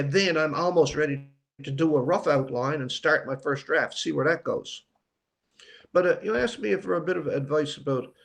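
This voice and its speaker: A Newfoundland writer, an older man, reflects aloud in an interview, pausing and repeating words for emphasis. His voice sits a little high and carries vocal fry.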